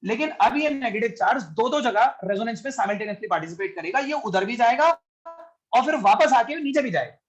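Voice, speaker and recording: In a lo-fi recording, a man with a very high-pitched voice and lively intonation delivers a brisk chemistry lecture. He teaches students present in class and joining online, breaking things down step by step and often asking whether they follow, while mixing English scientific vocabulary into his Hindi.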